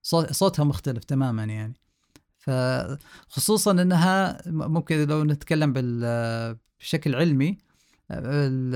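A man, a sound engineer being interviewed on a podcast, explaining things slowly with many hesitations and restarts. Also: medium pitch, a little mellow.

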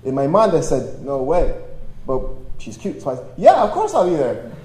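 In an echoey live hall with faint noise, a priest speaks through a stage microphone and PA to young adults, giving a slangy, self-deprecating, jokey personal testimony. Born in Poland, Polish-speaking first, and based in Toronto, Canada, he has a slightly high, darkish male voice whose pitch swoops wildly, at normal speed. The tone stays conversational throughout.

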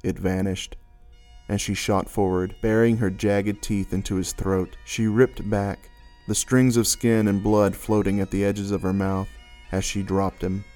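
Male narrator, somewhat low voice, slow dramatic reading, dark fantasy story. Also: flat delivery, faint music behind.

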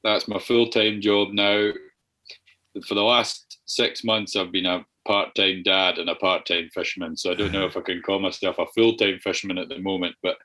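A man's voice: low-pitched, poor audio. A Scottish man in his thirties, a fisherman, talking casually and hesitantly over a crunchy video call. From Scotland. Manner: relaxed, hesitant, with restarts. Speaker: fisherman guest. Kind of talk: casual conversation.

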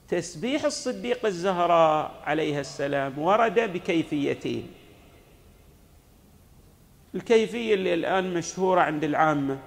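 A man's voice: a little high, vocal fry. A man giving a sermon in a mosque. He teaches step by step, asks questions and answers them himself, and demonstrates recitations aloud. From Saudi Arabia. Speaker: cleric giving a religious lecture.

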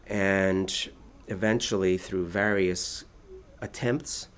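Speaking slowly in a deep, steady voice with a bit of brightness, a man who works as a translator responds to interview questions with care. He often starts his sentences over and leans on fillers.

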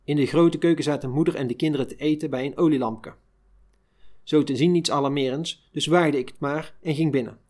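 A man reads a first-person memoir aloud, steady and measured. His voice sits fairly high for a man. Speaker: reader of a memoir.

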